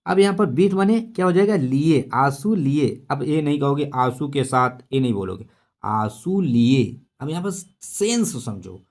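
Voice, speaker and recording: A man's voice: mid-range voice, darkish tone. A man teaching English-to-Hindi translation, going over each word again and again and asking his listeners questions as he explains. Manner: slow, repeating each word many times while explaining; asks students rhetorical questions.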